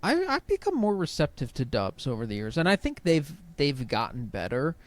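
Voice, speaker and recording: A man co-hosting a podcast, telling stories in relaxed casual chat, laughing lightly and repeating words as he starts. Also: a little high, moderate pace, no echo. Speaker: podcast co-host.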